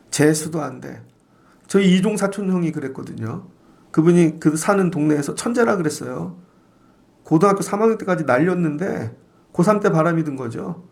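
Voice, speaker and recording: A middle-aged male pastor delivering an early-morning sermon in a slightly high, gravelly voice. He talks in a conversational, storytelling way and slips into the voices of the people he quotes. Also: a little mellow.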